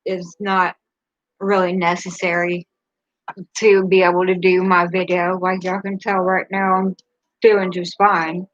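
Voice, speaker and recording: A woman's voice: lowish voice, flat delivery, a little slow, no room sound, lo-fi sound. A woman hosting a casual live stream, speaking candidly and rambling a little, with a laugh between her thoughts. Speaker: livestream host.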